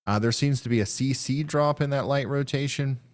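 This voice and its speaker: A man hosting a live severe weather stream, talking through radar updates in a halting, thinking-aloud way. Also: medium pitch.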